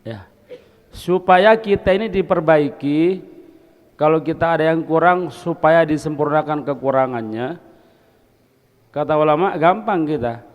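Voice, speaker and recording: A man's voice: fairly high pitch, measured pace, pauses often, in a large hall. A man gives a folksy, conversational sermon in a religious study circle, asking the audience questions and slipping in Arabic phrases. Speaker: religious teacher. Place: hall of a boarding school.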